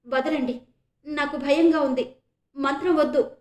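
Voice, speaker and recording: Woman doing a proud, fierce young woman, shrill, high and loud, echoey audiobook. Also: moderate pace, lightly acted. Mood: frightened. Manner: shrill shouting.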